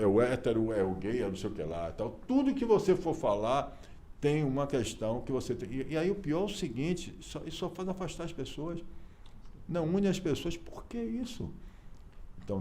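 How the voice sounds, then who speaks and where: Animated Brazilian man in his sixties. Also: mid-range voice, fairly quick, a little hiss or hum. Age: 60s. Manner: animated storyteller, emphatic, rhetorical questions. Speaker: author and interview guest. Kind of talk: casual conversational interview.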